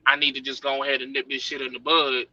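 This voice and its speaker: A man co-hosting a podcast, swearing freely and animated as he tells stories. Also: medium pitch, fast, dry recording, dull audio. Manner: animated, swearing, acts out quoted people. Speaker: podcast co-host. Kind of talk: casual podcast discussion.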